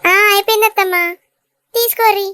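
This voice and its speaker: A woman voicing a shy young village bride in a cartoon, replying bashfully and slowly. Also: extremely high pitch, fairly even intonation, bright, forceful tone, no echo.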